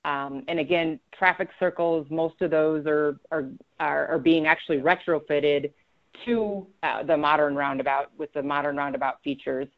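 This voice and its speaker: A woman's voice: deep voice, fairly even intonation, moderate pace. A woman presenting a webinar as a road safety engineer, talking conversationally with frequent ums and self-corrections. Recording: slightly dull lo-fi audio.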